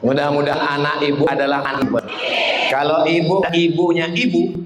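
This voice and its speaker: A man preaching an Islamic sermon to a live audience, animated, with wide pitch swings and humorous acted-out scenes. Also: a little fast, very noisy. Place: large hall at a religious gathering. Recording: echoey hall with faint ambience.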